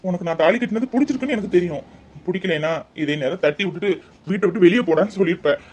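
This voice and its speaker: A man's voice: high voice, rapid-fire, darkish tone, slight background noise, close to an everyday voice. A man voicing an earnest young newlywed husband in a cartoon, coaxing and pleading with his wife. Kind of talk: cartoon voice acting.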